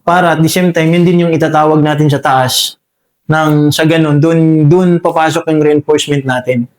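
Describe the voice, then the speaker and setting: A man recounts a firefight in a halting, deferential way, peppering nearly every phrase with fillers and a respectful "sir". His voice sits a little high and stays fairly flat and even throughout. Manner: halting, full of fillers, says "sir" constantly. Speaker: soldier recounting a combat encounter. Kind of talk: spoken war story in an interview.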